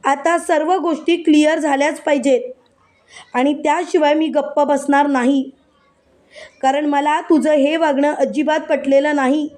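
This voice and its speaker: A woman's voice: high voice, fairly even intonation, measured pace. Woman voicing furious betrayed young wife. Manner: loud, indignant, repeating herself.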